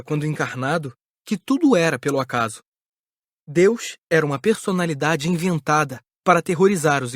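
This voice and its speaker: Give me a reflective former atheist, slightly high-voiced, over quiet music. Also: male voice. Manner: sober, reflective telling. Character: former atheist man recalling his death. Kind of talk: audiobook drama acting.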